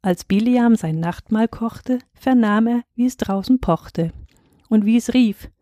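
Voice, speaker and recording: Lady telling a rhyming bible story, warm mellow voice, dry close sound. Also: a little high, measured pace, dry recording.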